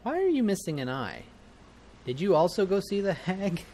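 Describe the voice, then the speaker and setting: A man's voice: high-pitched, sing-song, moderate pace, darkish tone, a little hiss or hum. A man streaming a video game, chatting casually and reacting with jokes and swearing. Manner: joking, sweary. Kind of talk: casual gameplay chat and reactions.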